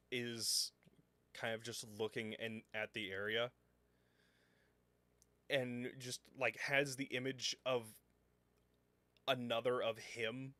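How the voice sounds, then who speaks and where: A man narrating a tabletop game as game master, halting and full of ums and self-corrections. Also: mid-range voice, sharp tone, no room sound.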